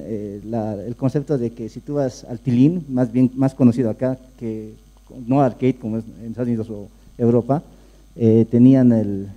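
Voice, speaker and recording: A man's voice: mid-range voice, dull audio. A man from Bolivia commenting from the audience at a panel, speaking hesitantly. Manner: hesitant, many fillers and restarts. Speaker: audience member.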